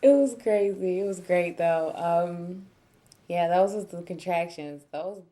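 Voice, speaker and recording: A young woman, telling a story casually and animatedly, laughing often and acting out her own shouting. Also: fairly low pitch, slow. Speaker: new mother vlogger.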